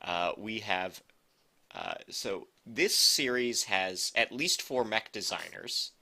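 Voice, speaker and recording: A man's voice: lowish voice, slow pace, vocal fry, pushed and bright. A man co-hosting a casual podcast, rambling and correcting himself with a wry edge. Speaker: podcast co-host. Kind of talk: casual chat.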